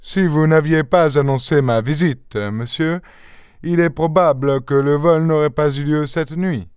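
A man's voice: a little high, measured pace, darkish tone, dry recording, pitched above the performer's own voice, close to an everyday voice. A man voicing a curt, grumbling English detective, speaking dryly in a raised voice. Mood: sec. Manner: curt, dry, gruff.

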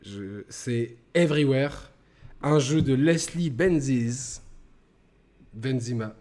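This gaming chat show host takes his time, with a darkish tone to his voice. He's a joker, restarting and repeating sentences and mock-reading a sarcastic pitch for his podcast.

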